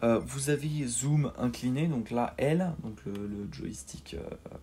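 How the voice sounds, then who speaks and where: A man with a warm, medium-pitched voice speaks slowly through a video game tutorial, with a little hiss or hum in the recording. His casual voice-over hesitates often, with many fillers and repeated words and a self-deprecating streak.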